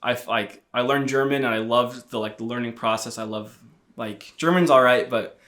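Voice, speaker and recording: A young man from Utah talks as a guest on a podcast, at an average pitch. He is friendly and easygoing and chuckles often. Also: moderate pace, fairly bright tone. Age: young adult. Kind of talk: casual chat.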